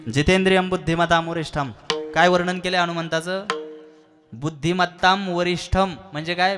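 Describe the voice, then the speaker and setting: A male preacher tells a devotional story in a fairly high voice. He keeps turning to his listeners with rhetorical questions. Faint music sits behind him. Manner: lively, asks the audience rhetorical questions. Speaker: kirtan preacher.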